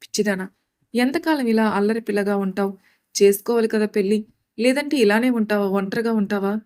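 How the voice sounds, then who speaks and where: A woman's voice: mid-range voice, a little fast, a little mellow, natural voice. A playful young man teases and mock-scolds his cousin in a read-aloud story, as a woman narrator voices him. His tone is joking throughout. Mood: teasing.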